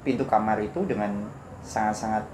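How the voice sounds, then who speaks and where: A man giving a personal testimony in conversation, telling it earnestly and acting out his own shouts. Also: fairly low pitch, fairly even intonation, fairly quick. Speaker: guest sharing a testimony. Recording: echoey room with background noise.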